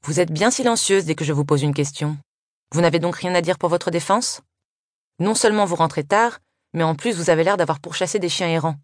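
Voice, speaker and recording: A woman's voice: low voice, fast, darkish tone, no echo, clean studio sound, lightly acted. A woman reading aloud and voicing a strict mother who scolds her daughters in a clipped, reproachful way.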